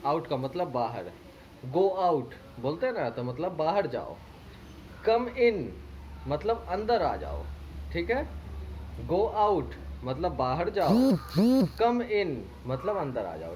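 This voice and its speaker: This male primary school English teacher has an Indian accent and reads a children's story at a slow pace, repeating words and spelling each one letter by letter. He sounds a little high and darkish. It's a rough recording with slight background noise.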